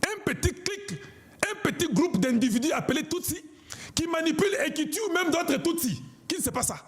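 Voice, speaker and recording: An online political commentator from the Democratic Republic of Congo speaks at normal speed in an extremely high, expressive voice. His political monologue is impassioned and declamatory, and he keeps repeating himself to stress his points.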